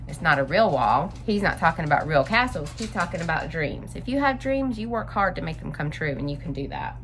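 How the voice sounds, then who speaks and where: A woman with a deep voice speaks fairly quickly as she hosts story time. She reads aloud and explains things simply for young listeners, expressive and instructive.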